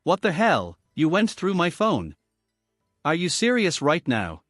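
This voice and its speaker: Brief: defiant deflecting young wife, read by a man, contemptuous, slightly high and dry. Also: wildly swooping pitch, measured pace, fairly bright tone, no echo, faint music behind, heavily acted. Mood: scornful. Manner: scornful, eye-rolling, deflecting.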